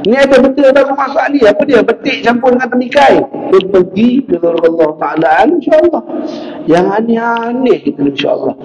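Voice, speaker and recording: A man's voice: very high-pitched, normal speed, lo-fi sound. A man with a Malaysian Malay accent giving a casual sermon as a religious teacher, telling stories and often dropping in pious interjections. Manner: storytelling, frequent pious interjections, lively. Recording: echoey room, voice from a distance.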